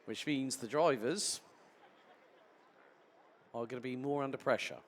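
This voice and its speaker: A man commentating live on a kart race, turning excitable at incidents and chatty in between. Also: medium pitch, a little slow, slight background noise. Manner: excitable, rising sharply at incidents then settling into chatty explanation.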